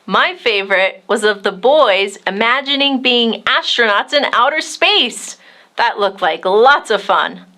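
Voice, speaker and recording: Her voice sits a little high as she hosts storytime for kids. She reads a picture book aloud with expression and a steady, measured pace aimed at young listeners.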